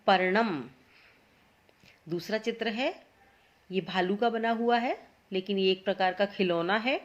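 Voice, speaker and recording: Woman teacher, middle pitch, slow and patient, repeats words for pupils. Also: highs cut off. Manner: patient, repeats each word slowly for students. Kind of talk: explaining a school lesson.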